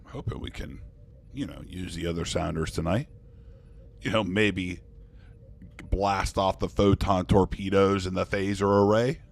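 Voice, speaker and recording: On a live online poker stream, a man with a low, creaky voice chats unhurriedly, pausing often as he thanks viewers and jokes in character as a starship commander.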